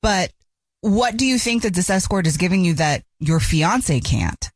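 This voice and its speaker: A woman's voice: on the low side, expressive, unhurried, no room sound. Chatty radio co-host woman. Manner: chatty, questioning. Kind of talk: radio talk show.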